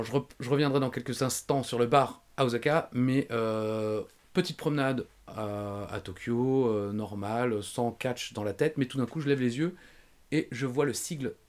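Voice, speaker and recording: A man's voice: medium pitch, a little mellow. A man hosting a podcast, chatting casually and telling rambling, self-mocking travel anecdotes. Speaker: podcast host.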